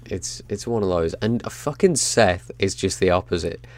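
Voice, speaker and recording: A man's voice: low voice, lively intonation, normal speed, crowd noise. A man co-hosting a podcast in casual chat, blunt and swearing often. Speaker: podcast co-host.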